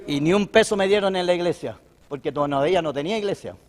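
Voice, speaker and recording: A man's voice: sits high, fast talker, in a large hall. A middle-aged man with a Chilean Spanish accent, preaching a sermon as a pastor in a folksy, conversational way and often calling listeners brother.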